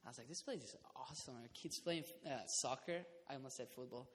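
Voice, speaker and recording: A man's voice: mid-range voice, fast talker. Laughing young man in a reverberant room. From Costa Rica. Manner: laughing often, rambling with fillers. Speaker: community house resident. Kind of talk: casual group conversation. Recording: reverberant room, faint noise.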